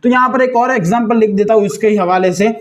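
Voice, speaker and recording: A man teaching Quran reading step by step. He spells out letters slowly, syllable by syllable, and patiently asks questions that he answers himself. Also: sits high, slight background noise. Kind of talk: step-by-step recitation lesson.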